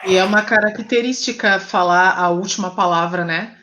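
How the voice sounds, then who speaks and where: A woman's voice: mid-range voice, normal speed, background noise. A woman hosts a casual live chat and prompts her guest. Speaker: live stream host.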